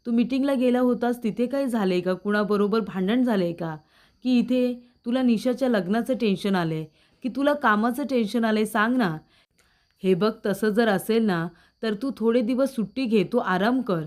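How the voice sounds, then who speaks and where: A woman's voice: a little high, moderate pace, darkish tone, close to an everyday voice. A woman voicing a worried, loving older mother who coaxes and frets over her son. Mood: worried, doting. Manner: coaxing, fretful.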